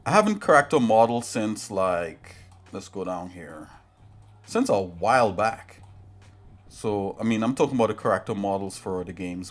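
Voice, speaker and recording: A man hosting a casual livestream tutorial, rambling and chatting straight to his viewers from a home setup. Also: fairly low pitch. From Trinidad and Tobago. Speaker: livestream host.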